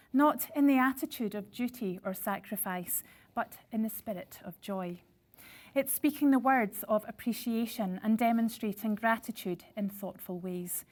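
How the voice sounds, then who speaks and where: A woman leading a vow renewal ceremony, speaking in a measured, formal way. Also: a little high, darkish tone. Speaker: wedding celebrant. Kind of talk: ceremony address.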